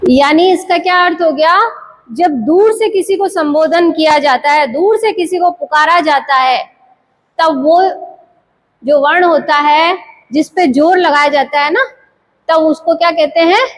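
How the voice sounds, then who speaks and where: A woman lecturing on Sanskrit grammar in a very high voice. She talks slowly and deliberately, putting questions to the class and answering them herself while repeating the key terms. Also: low-quality recording. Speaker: Sanskrit teacher.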